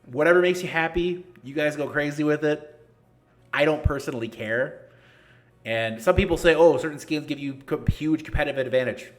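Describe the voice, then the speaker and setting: A man's voice: a little high, normal speed, faint music behind. Blunt joking man in his thirties. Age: 30s. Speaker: league organizer and streamer. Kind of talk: casual live-stream Q&A.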